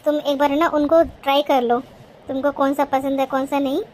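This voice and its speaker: A woman's voice: high voice, flat delivery, normal speed, a little mellow, natural voice. A woman voicing a young married woman in a cartoon, a caring but strict sister-in-law who scolds in a bossy yet affectionate way.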